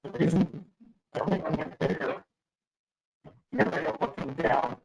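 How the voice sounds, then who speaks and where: A man's voice: on the high side, a little slow, creaky, highs cut off. Man on a choppy, breaking-up video call. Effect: choppy, breaking-up video call audio. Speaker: technical consultant at a town committee meeting. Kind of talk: technical explanation on a remote public meeting.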